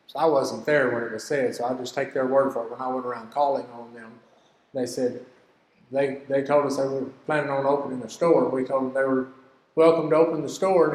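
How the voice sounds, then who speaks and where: An older man gives a homespun, earnest business lesson, full of stories and folksy turns of phrase. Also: medium pitch. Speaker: business teacher. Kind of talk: folksy teaching talk. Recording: echoey hall with long reverb.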